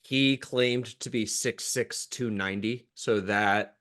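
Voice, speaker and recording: A man's voice: medium pitch, fairly even intonation, slow pace, fairly bright tone. A man co-hosting a sports podcast, chatting casually and animatedly about college football recruiting. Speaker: podcast co-host.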